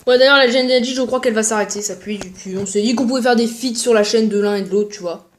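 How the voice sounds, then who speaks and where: A woman's voice: a little high, quick pace, slight background noise. A young woman YouTuber giving casual, mocking commentary on other channels, joking and plugging her own videos. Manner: mocking, jokey, self-promoting.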